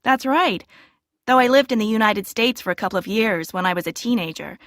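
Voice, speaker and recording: A woman's voice: on the high side, expressive, brisk, no echo, studio quality. An actress in her twenties playing a young female student who answers questions for a club form in a scripted listening exercise. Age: 20s. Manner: friendly, answers clearly and spells things out. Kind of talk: scripted exam listening recording.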